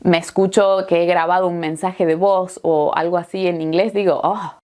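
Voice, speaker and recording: A woman's voice: on the low side, fairly even intonation, normal speed, a little mellow. Chatty Argentine woman teaching Spanish. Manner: chatty, encouraging, laughs easily, many "eh" fillers. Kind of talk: friendly spoken lesson.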